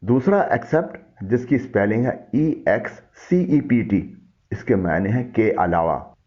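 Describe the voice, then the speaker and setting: Guy slowly teaching vocab, lowish voice, spells stuff out, kinda muffled lo-fi sound. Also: expressive. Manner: deliberate, spells words letter by letter. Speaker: language teacher. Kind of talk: slow scripted vocabulary lesson.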